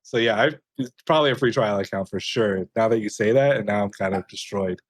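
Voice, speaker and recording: Young dude on a podcast, lots of ums, lowish voice, dry sound. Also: male voice, no room sound. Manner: halting, lots of ums and restarts. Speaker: podcast co-host. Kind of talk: casual chat.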